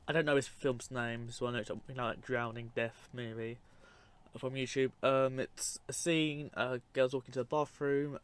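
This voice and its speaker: A man's voice: mid-range voice, a bit bright, smooth. Man rambling casually through clip commentary. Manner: rambling, matter-of-fact with dry asides. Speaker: narrator of a film clip compilation. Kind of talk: casual, unscripted commentary over clips.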